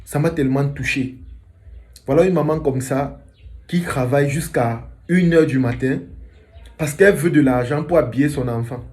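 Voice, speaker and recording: A man's voice: a little high, moderate pace, darkish tone. A man hosting a reaction video, speaking earnestly to his viewers in an emotional, moralising commentary. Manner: earnest, preachy.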